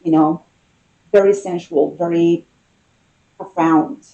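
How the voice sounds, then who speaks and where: A tarot reader with a mellow, relaxed voice gives an intimate, conversational reading. The delivery is slow and musing, broken into short phrases with unhurried pauses. The pitch sits in a middle range. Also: gravelly, muffled recording.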